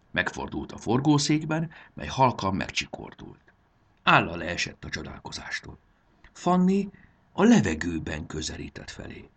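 A man narrating a children's storybook in a lively, expressive way with a husky voice. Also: sits low.

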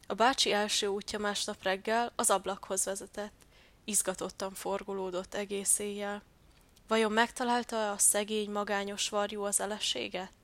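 A woman narrating a children's Christmas story in a calm, gentle storytelling manner. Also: medium pitch.

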